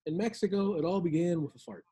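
A man's voice: sits high, fast talker, warm tone, slightly rough. A man with a Cuban accent co-hosting a comedic radio show, joking and acting out Spanish phrases. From Cuba. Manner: joking, playful, acts out quoted phrases.

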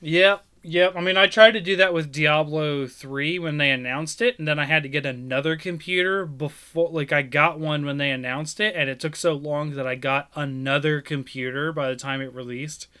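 A man's voice: on the high side, steady tone, moderate pace, hardly any pauses, sharp tone, clear, resonant tone. A man hosting a casual gaming podcast, chatting in an informal, conversational way. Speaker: podcast host.

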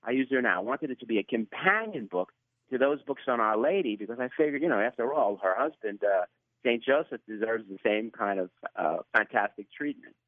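A man's voice: medium pitch, expressive, fairly quick, no room sound, phone-quality sound. A man with a Brooklyn accent giving a conversational interview as a guest author, speaking emphatically and repeating phrases for emphasis. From Brooklyn, New York, USA.

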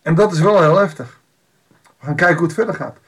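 A man's voice: fairly high pitch, fast talker, a bit bright. A man giving an informal Bible devotional, reading a passage aloud and explaining it in a conversational way with wry asides.

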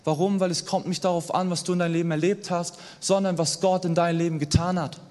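A young man preaching a sermon in a lively, conversational way, often checking in with his listeners. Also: high voice, fast. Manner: lively, conversational, asks the audience "oder?" often. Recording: long hall reverb.

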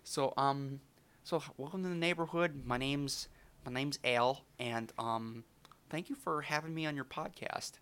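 A chatty, halting Canadian neighbor, put on by a man in a comedy podcast bit. He hems and stalls with ums and tags his lines with eh. His friendliness is a little awkward. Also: mid-range voice, fairly bright tone, smooth, close to an everyday voice. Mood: friendly hesitant. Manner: hesitant, full of ums, says eh.

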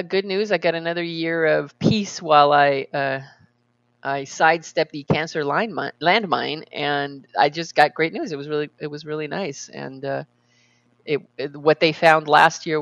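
A middle-aged woman with a gravelly, groggy just-woken voice, chatting casually as a podcast co-host. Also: sits low, no echo, muffled recording. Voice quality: gravelly morning voice.

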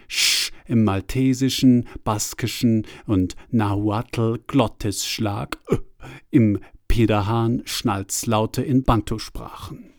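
Slow, deadpan male narrator. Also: mid-range voice, dry recording, clean studio sound. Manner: deadpan, earnest reading of nonsense words. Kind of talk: scripted literary narration.

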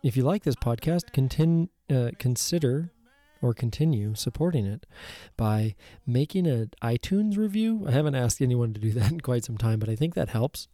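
A man's voice: medium pitch, expressive, normal speed, hardly any pauses, warm tone, dry recording. A man with a slightly froggy, throaty voice hosting a solo podcast in a casual, musing way. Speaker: podcast host.

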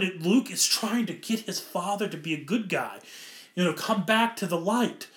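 A man's voice: sits high, fairly bright tone, echoey room. A man giving casual, enthusiastic film commentary, rambling and often correcting himself mid-sentence. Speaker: film reviewer.

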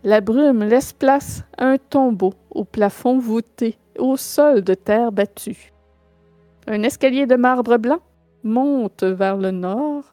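A woman's voice: a little high, slow, warm tone, dry recording, soft background music. A woman narrating a tabletop role-playing game as game master.

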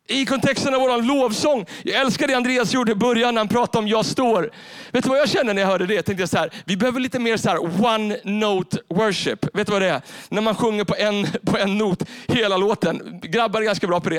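A man preaching a sermon from a church stage, animated and repeating his key phrases straight to the congregation. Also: sits high, no echo. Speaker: pastor.

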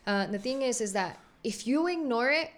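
A woman's voice: fairly high pitch, animated, a little slow. A woman activist and organizer in a podcast discussion, assertive and emphatic, often checking for agreement.

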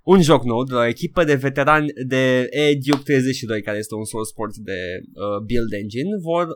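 A man co-hosting a casual gaming podcast, animated and quick to laugh, slipping English phrases into his talk. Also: mid-range voice. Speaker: podcast co-host.

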